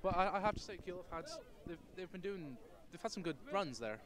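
A man doing live play-by-play commentary outdoors, with quick play calls and agreeable interjections. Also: sits high, expressive, a bit bright. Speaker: student sports commentator. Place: outdoors at a sports field. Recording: live crowd in background.

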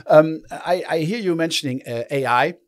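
A man's voice: on the high side, normal speed. A man hosting a podcast, asking questions in a friendly, hesitant way with many fillers. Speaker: podcast host. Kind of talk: podcast interview.

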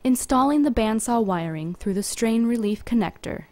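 A woman reading a scripted instructional voice-over in an even, measured, step-by-step manner, recorded apart from the pictured workshop. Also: fairly high pitch, no room sound. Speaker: company video narrator.

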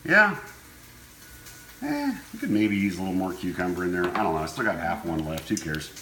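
Deep voiced guy doing a chill cooking demo, kinda offhand, roomy kitchen w sizzling noise behind him. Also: steady tone, fast talker. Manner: laid-back, easygoing, offhand. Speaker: home cooking show host. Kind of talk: casual cooking demonstration, talking while working. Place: indoor kitchen. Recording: echoey room with clear kitchen sizzle noise. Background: frying sizzle and stirring.

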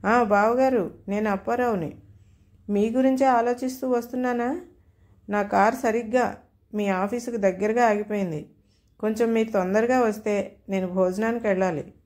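A woman's voice: mid-range voice, fairly even intonation, normal speed, darkish tone, natural voice. A woman reading a storybook tale, voicing a pushy, freeloading middle-aged man who wheedles favours over the phone. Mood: wheedling. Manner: overfamiliar, wheedling.

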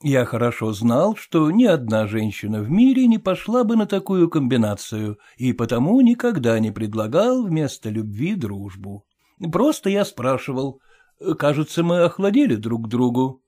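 A man narrating an audiobook in an expressive, theatrical reading style. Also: mid-range voice, moderate pace. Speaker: audiobook reader.

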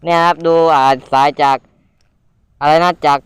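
Excitable young man fishing outdoors. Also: a little high, normal speed, clean tone, no echo. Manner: excitable, exclaiming, swearing, talking to the camera. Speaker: fishing vlogger. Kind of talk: live fishing commentary to viewers. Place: outdoors by the water. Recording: outdoor with faint background noise.

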